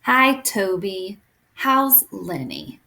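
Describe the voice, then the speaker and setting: A woman voicing a homesick, excitable young boy in a read-aloud storybook. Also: medium pitch, extremely slow, full character voice. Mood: eager.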